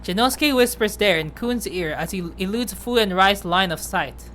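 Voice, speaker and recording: A woman reads a visual novel aloud as narrator, steady and matter-of-fact. Her pitch sits in a middling range, with a faint hiss under the voice. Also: normal speed. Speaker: game narrator.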